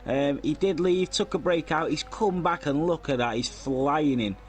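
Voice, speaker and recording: A race commentator with a fairly high-pitched voice talks at a normal speed. He's casually commentating live on an online racing league, calling out lap times and chatting with viewers.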